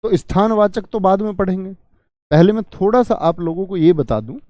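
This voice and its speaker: A man's voice: high voice, a little fast, warm tone, dry recording, studio quality. A man teaching an online grammar class. He keeps asking his students questions and then answers them himself. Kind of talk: online exam-prep grammar lesson.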